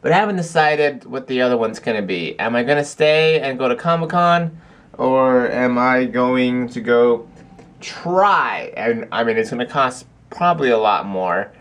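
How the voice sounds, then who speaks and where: A man's voice: mid-range voice, animated, normal speed, fairly bright tone. Rambling young male vlogger. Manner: rambling, chatty, lots of fillers and restarts. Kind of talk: casual chat to camera. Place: cold house.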